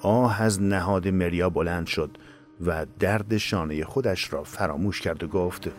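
Low-voiced male audiobook narrator. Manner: steady, measured storytelling. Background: faint music.

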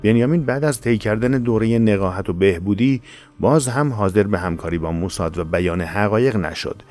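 A man narrating a tense audiobook story in a steady, measured way. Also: lowish voice. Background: faint music.

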